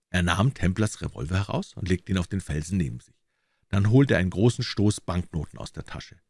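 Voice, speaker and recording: A man narrating an audiobook in an expressive storytelling style. His voice is low and deep but moves a lot in pitch. The recording is dry and close, with no room sound. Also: no echo. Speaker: audiobook reader.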